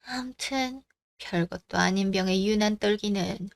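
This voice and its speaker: A woman playing a stubborn, scolding older mother-in-law in a radio drama, sharp-tongued and nagging. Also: mid-range voice, measured pace, vocal fry. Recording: dry close studio sound.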